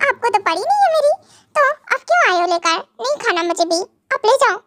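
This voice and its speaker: Sulky, wheedling young wife, voiced by a woman, fan audio drama, very high. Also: animated, moderate pace, heavy background noise. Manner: pouting, coaxing.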